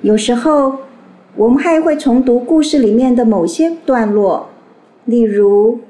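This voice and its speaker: A woman teacher gently explaining reading methods to young children. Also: on the high side, low-quality recording.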